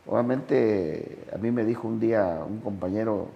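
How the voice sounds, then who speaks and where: Gravelly man telling slow anecdotes. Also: in a large hall, highs cut off. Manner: slow, measured delivery with dramatic pitch swings when telling anecdotes. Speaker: sponsor and podcast guest. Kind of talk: reflective conversational storytelling.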